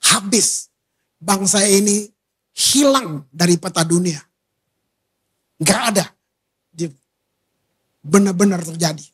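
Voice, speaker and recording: A man preaching from a church pulpit with a slightly husky voice. He keeps the sermon conversational, slowing right down to stress key words, then rushing through asides. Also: high-pitched. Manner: conversational, shifting between slow emphatic phrases and quick asides. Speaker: pastor.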